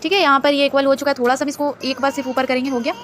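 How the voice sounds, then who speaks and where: A woman's voice: high-pitched, fairly even intonation, racing, fairly bright tone, faint music behind. A woman hosting a screen-recorded design tutorial, chatty and instructive, mixing English words into her Hindi.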